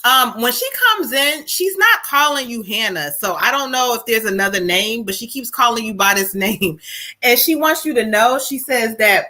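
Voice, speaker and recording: Woman, medium, live card reading, higher voice, bright tone, colloquial, calls people "child". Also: animated, moderate pace. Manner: relays messages, switching into quoted lines. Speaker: spiritual medium.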